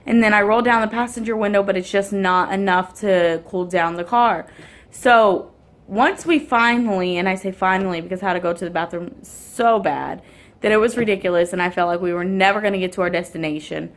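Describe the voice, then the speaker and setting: This is a woman in her twenties or thirties, speaking straight to the camera in a casual storytelling vlog. She rambles, restarts sentences and fills the gaps with um and you know. Her pitch sits in the middle of the range. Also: steady tone, a little fast. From Houston area, Texas. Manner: rambling, many ums and restarts. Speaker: vlogger and mother.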